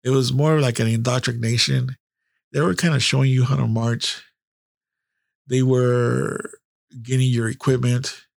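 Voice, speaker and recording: A man's voice: mid-range voice, steady tone, a little slow, vocal fry, pauses often, dry recording, clean studio sound. A man hosting a podcast who tells blunt, heavily profane personal stories and laughs at himself. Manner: self-deprecating, with frequent restarts. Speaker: podcast host. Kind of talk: candid personal storytelling.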